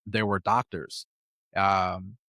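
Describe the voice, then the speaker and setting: A man from the United States in his fifties, speaking as a podcast guest with a fairly low voice. He tells his story in a loose, rambling, conversational way. The sound is dry and close, with little room reflection. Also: flat delivery, slow, sharp tone, dry recording. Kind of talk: casual interview storytelling.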